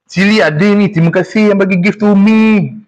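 A young Malaysian man hosts a casual live stream, chatting and teasing his viewers. His voice sits a little high for a man. He reads comments aloud with a Malaysian Malay accent. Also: fairly quick, darkish tone, lo-fi sound.

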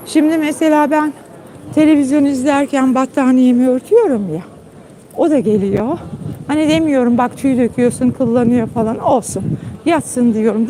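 A woman host chatting casually to viewers on a phone live stream, tired after a long trip, outdoors at night in a garden. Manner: chatty, warm-hearted, calls her dog in high coaxing tones. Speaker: channel host.

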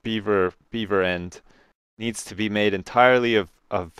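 Low-voiced man doing sweary game commentary. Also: fairly even intonation, normal speed, a bit bright, smooth, dry recording, studio quality. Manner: sweary, rambling, mock-dramatic. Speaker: gaming video co-host. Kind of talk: casual, jokey gameplay commentary.

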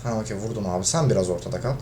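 Talking very fast in a fairly low voice over slight background noise, a gaming video creator commentates his own gameplay. Frustration builds as he swears at teammates and shouts when things go badly.

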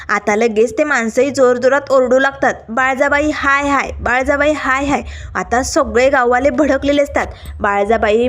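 A woman narrating a television serial episode recap in a steady storytelling manner. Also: high voice. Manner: steady retelling with stock phrases.

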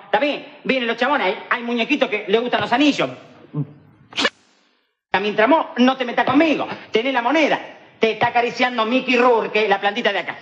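This very high-pitched, slightly bright male voice belongs to a comic actor doing an in-character TV sketch monologue as a swaggering street hustler with a Rioplatense Spanish accent. He rambles through thick slang and keeps checking "all right?" to be sure he's followed. It's captured on dull, lo-fi 1990s TV tape with a faint hiss.

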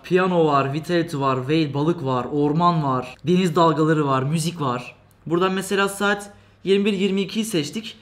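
A man reviewing a gadget in a casual vlog at his desk, chatty and joking, laughing often and grumbling playfully. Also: fairly high pitch. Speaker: tech reviewer.

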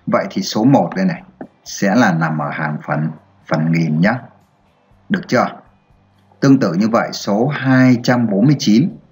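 A man teaching a children's math lesson, speaking slowly in a fairly low voice. He walks through each step patiently and keeps asking his pupils whether they follow. Faint keyboard typing and light background noise sit under his voice. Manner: slow, step-by-step explaining with frequent check-ins to pupils.

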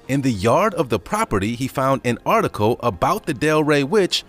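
A man reading a scripted countdown video narration in a lively storytelling manner. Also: medium pitch, moderate pace, soft background music.

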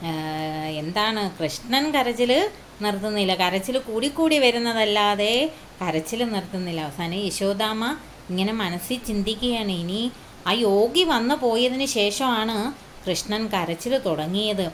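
A woman's voice: medium pitch, slight background noise. Woman telling a devotional story. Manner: unhurried, with many fillers and questions to listeners.

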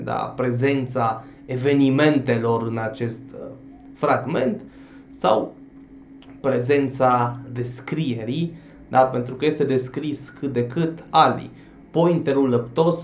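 A man's voice: medium pitch, roomy sound, highs cut off, slight background noise. Man teaching a grammar lesson. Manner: explanatory, checks in with a frequent questioning "da?"; addresses students warmly as "dragilor". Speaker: Romanian language teacher. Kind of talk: exam-prep grammar lesson.

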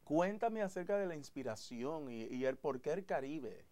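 Lively man hosting a TV interview. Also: on the high side, moderate pace. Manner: animated, chatty, frequent fillers. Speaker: TV show host. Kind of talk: casual interview.

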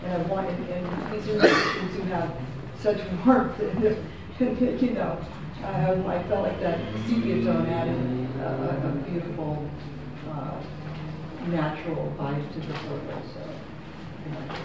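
A photographer's gallery talk is captured distantly by a room camera, no microphone, across a small and very echoey space with constant background noise. Her lowish voice is unhurried as she chats about her work casually and without a script, often rambling and correcting herself.

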